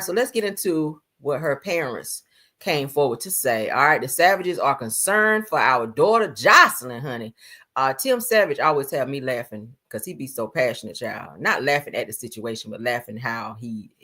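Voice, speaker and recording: A woman's voice: a bass voice, pushed and bright, slightly rough. A woman host giving sassy casual commentary on the news, calling her viewers honey and child.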